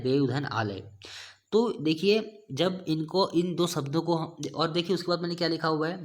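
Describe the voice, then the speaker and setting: A man teaching a grammar lesson, often posing questions and answering them himself. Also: fairly high pitch. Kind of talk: explaining lesson to students.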